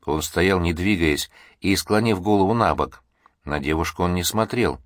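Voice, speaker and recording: A man narrating an audiobook in an expressive, measured storytelling manner. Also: deep voice, no room sound, studio quality.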